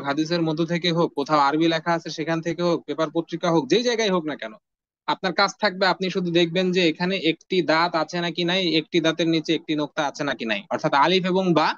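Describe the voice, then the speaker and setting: A man teaching the Arabic alphabet in an online lesson, patiently drilling letter sounds with steady repetition. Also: on the high side, fast, dry recording. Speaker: Quran reading teacher. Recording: dull lo-fi audio.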